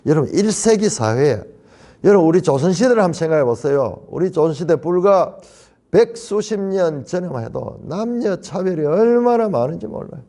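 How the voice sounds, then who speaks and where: A man's voice: on the high side, expressive, normal speed, warm tone. A man preaching as a pastor in a Bible study sermon, stressing points by repeating key phrases. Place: church.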